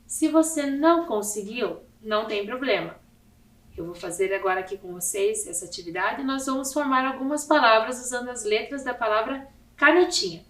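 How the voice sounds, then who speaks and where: A woman from Brazil teaching young children in a video lesson, slowly counting letters and syllables aloud. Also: on the high side, animated, echoey room.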